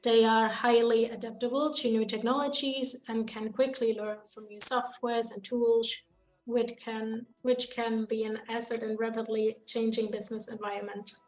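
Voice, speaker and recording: Young german-born woman hosting a student podcast, reads her notes evenly, a bit high. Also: level tone, normal speed, poor audio. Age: young adult. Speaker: podcast host.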